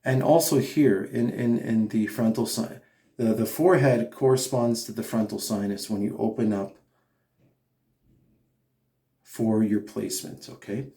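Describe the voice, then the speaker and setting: A man's lowish, mellow voice moves a little slowly with frequent pauses, and the sound is roomy. He's a vocal coach giving a spoken singing lesson, explaining patiently step by step and illustrating with brief hummed and sung notes.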